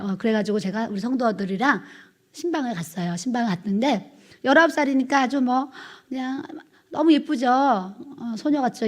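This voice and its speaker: Female pastor, middle-aged, slightly high voice, preaching in a storytelling way that repeats phrases. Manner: storytelling, repeats phrases, acts out quoted dialogue. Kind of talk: sermon with testimony.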